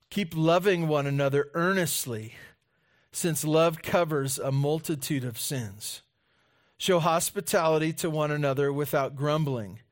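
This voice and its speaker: A man preaching a sermon into a pulpit microphone in a church, speaking earnestly and reading scripture aloud. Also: a little high. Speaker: pastor. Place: church sanctuary.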